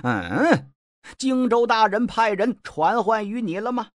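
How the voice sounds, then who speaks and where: A blustering middle-aged general, played by a male storyteller, threatens. His pitch leaps up and down. The recording is dry and close. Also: big pitch swings, unhurried, no room sound. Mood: bullying.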